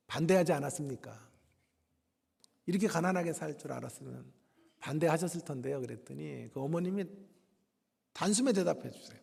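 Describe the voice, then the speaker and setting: A man's voice: high voice, creaky, darkish tone. A middle-aged man preaching a revival sermon, telling stories with humor and acting out quoted voices. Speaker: pastor and professor. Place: large church hall. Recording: echoey church hall.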